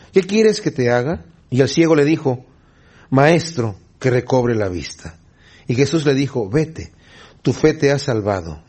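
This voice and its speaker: Husky, lively male Spanish preacher. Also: a little high. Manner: expressive, acts out voices in the story. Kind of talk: Bible study sermon.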